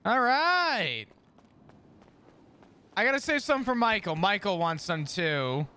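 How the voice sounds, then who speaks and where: A man streaming a roleplay game, talking casually in a deliberately flat, bland monotone. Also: high-pitched, clear, resonant tone.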